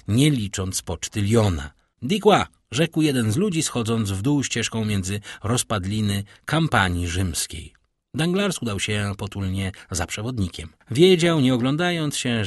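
Male audiobook narrator, husky, expressive storyteller, dry close sound. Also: medium pitch, no echo. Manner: expressive storytelling with vivid intonation. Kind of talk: scripted narration of a classic novel.

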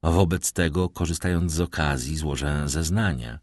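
A man voicing a mysterious nobleman who speaks in a measured, theatrical way. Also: rumbling low, no echo, clean studio sound. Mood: ominous. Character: suave, mysterious middle-aged count, theatrical storyteller.

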